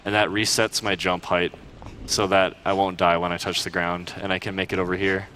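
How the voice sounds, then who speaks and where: A man, a speedrunner, gives relaxed live commentary as he plays, explaining tricks with small restarts and fillers. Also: low-pitched, fairly quick, slight background noise. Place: live charity marathon event.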